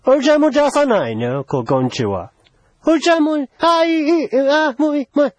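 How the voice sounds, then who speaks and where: A man's voice: very high voice, big pitch swings, moderate pace, dry recording. A man playing a pushy, teasing older foreign envoy in a solo comedy sketch, wheedling in broken Japanese with English phrases.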